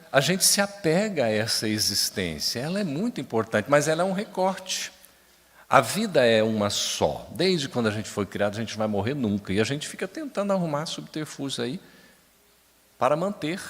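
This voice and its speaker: A man from Brazil giving a spiritist lecture, slow and emphatic, turning to chat with the audience. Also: medium pitch. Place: large lecture hall. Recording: long hall reverb.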